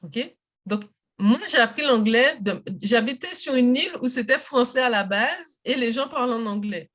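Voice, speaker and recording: A woman, a native English speaker, talking in a casual interview about coaching parents and adults in English, in an energetic and emphatic way. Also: a little high, normal speed. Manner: energetic, emphatic, self-assured.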